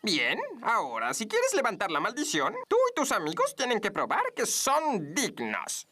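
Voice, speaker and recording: A cranky, self-important little male monkey from a cartoon. The voice is bright and sharp, swinging wildly in pitch with petulant sarcasm. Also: huge pitch swings, normal speed, heavily acted. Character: cranky, fussy male tamarin monkey curse-breaker.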